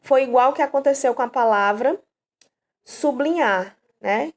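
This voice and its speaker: Brazilian woman teacher, higher voice, patient step-by-step explainer, frequent check-ins. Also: a little slow. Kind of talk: online grammar lesson.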